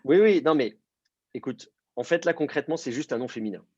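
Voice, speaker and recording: Husky man teaching with patient explanations. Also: on the high side, animated, fairly quick, darkish tone, no room sound. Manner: patient, explains step by step with many fillers. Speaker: Hebrew teacher. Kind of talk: online class explanation. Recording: dull lo-fi dry sound.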